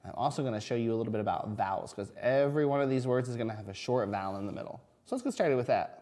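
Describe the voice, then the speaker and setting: A man with a mid-pitched voice gives a kindergarten reading lesson. He talks straight to little children, asks them simple questions and answers them himself, sounding out letters and words as he goes. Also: animated, racing, mellow. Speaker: kindergarten teacher.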